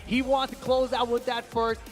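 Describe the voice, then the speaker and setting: A man's voice: very high voice, flat delivery, normal speed. A man commentating on a fighting game tournament, analysing play in a conversational back-and-forth. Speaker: esports commentator. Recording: music playing behind the voice.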